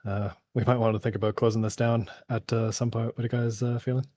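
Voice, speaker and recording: A game developer fields community questions during a casual live Q&A, speaking fast in a level, medium-pitched, dark-toned voice. He rambles through technical details, thinking aloud, and sounds worn out after hours of talking.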